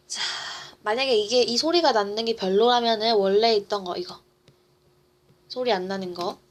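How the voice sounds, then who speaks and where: A woman's voice: medium pitch, fairly bright tone, slight background noise. A teenage girl tutoring in a casual online lesson, explaining step by step, repeating key phrases and asking the viewer questions. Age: teens. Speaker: student tutor.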